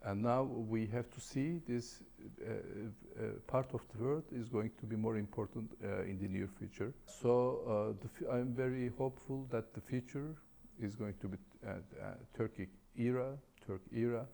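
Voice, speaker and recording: A man answering as an interview guest, speaking haltingly with many hesitant pauses. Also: mid-range voice, gravelly, mellow.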